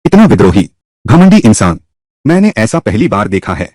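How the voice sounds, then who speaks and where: A man playing a gruff old god of death. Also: fairly low pitch, big pitch swings, moderate pace, a little mellow, dry recording. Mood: grumbling. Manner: dismissive and grumbling. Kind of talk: dubbed drama voicing.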